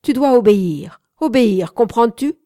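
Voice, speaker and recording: A woman reading aloud and voicing a domineering, cynical nobleman with loud, commanding outbursts. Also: medium pitch, a little slow, no room sound, clean studio sound, natural voice. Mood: furious. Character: domineering middle-aged nobleman, harsh and cynical.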